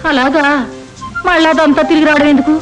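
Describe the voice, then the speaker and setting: An actress playing an older, sharp-tongued wife who complains in tart asides, in a film comedy. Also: female voice, sits high, flat delivery, brisk, soft background music, lightly acted. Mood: complaining. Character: bickering old wife, sharp-tongued and aggrieved.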